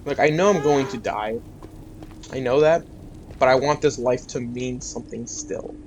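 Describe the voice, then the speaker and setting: A man's voice: mid-range voice, moderate pace, poor audio. Young male gamer, mid-range voice, chatty and self-deprecating, light background hiss. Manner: rambling, self-mocking, muttering to himself. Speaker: gaming YouTuber. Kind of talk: casual gameplay commentary.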